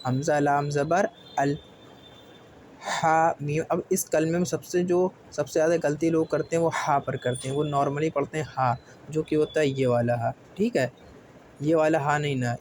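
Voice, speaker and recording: A man leads a careful Quran recitation lesson. He breaks each word into letters and vowel marks. His slightly high voice keeps checking that the learner follows, over faint background ambience. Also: a little mellow, a little hiss or hum. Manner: patient, often asks "theek hai?", spells letters slowly. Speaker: Quran tajweed teacher. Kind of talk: slow step-by-step recitation lesson.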